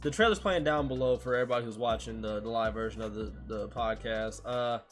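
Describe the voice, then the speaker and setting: Over faint background music, a male podcast host with a medium-pitched voice runs through gaming news at a brisk pace. He reads the stories out loud and keeps things loose with slangy, easygoing jokes.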